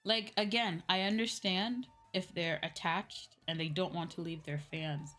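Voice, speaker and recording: A woman with a low, steady voice and a slightly bright tone chats with viewers on a livestream at a measured pace. She's a VTuber host, answering questions in an informal, explanatory way, often repeating herself and checking in with "right?". Faint music plays in the background.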